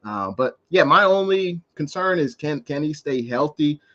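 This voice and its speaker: A man's voice: a little high, expressive, normal speed, a bit bright, highs cut off. An American man hosting a live sports call-in show, explaining and commenting in a casual, conversational way.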